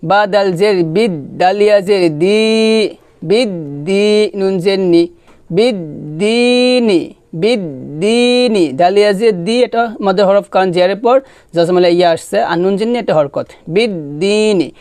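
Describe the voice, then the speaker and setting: A man teaching recitation, spelling out each syllable patiently and drawing the verses out in a slow chant between brisk explanations. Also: high voice, a little mellow, smooth, no room sound, studio quality. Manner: patient, repeats syllables for students to follow.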